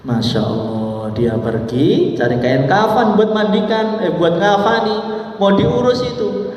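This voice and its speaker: A man preaching a sermon in a sing-song, drawn-out way, repeating words and quoting Arabic. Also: high voice, steady tone, a little mellow. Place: large mosque hall. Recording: distant, echoey hall.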